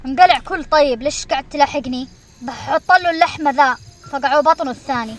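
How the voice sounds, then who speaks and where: A woman streamer giving excited commentary while she plays a game, shrieking when she is chased. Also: high voice, quick pace, faint music behind. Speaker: gaming streamer.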